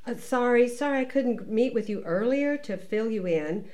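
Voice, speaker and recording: A woman playing a harried immigration attorney who speaks in a hurried, apologetic way. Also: fairly high pitch, expressive, dark tone, natural voice.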